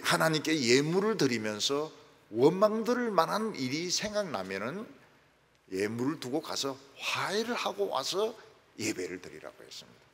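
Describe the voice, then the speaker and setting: A man is preaching a lively sermon, his husky voice sitting a little high and rising and falling freely. He jokes and acts out little scenes. The sound carries a long reverb from the church hall. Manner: animated, joking, acts out quoted phone calls and prayers. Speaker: pastor. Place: church sanctuary.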